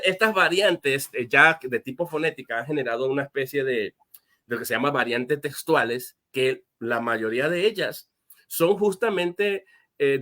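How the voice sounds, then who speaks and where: A pastor explaining a Bible question as an interview guest, earnest and step by step, with frequent fillers and restarts. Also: male voice, medium pitch, a bit bright. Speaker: guest answering viewer questions.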